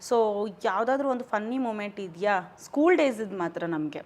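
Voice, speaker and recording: A woman's voice: mid-range voice, animated, normal speed, darkish tone. A woman hosting a podcast interview, asking questions and giving frequent short murmurs of agreement. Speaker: podcast host.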